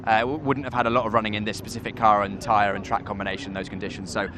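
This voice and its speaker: A man giving relaxed, analytical expert commentary on a motor race. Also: on the low side, fast talker, crowd noise. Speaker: race commentator and former driver.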